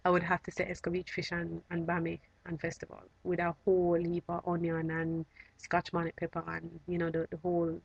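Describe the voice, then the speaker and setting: A woman from Jamaica with a Jamaican accent, chatting casually to camera in a fond, unhurried, reminiscing way. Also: fairly low pitch, husky, no echo, highs cut off. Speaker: vlogger.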